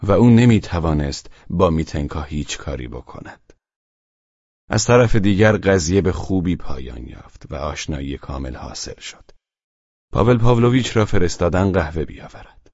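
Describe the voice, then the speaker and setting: Low husky male audiobook narrator. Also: animated, a little mellow, no room sound, lo-fi sound. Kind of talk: scripted narration.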